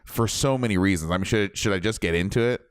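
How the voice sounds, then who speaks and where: A young man co-hosting a podcast, chatting casually and jokily about a film in a rambling, animated way. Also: lowish voice, quick pace, clean tone, no echo, clean studio sound. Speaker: podcast co-host. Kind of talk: casual film review chat.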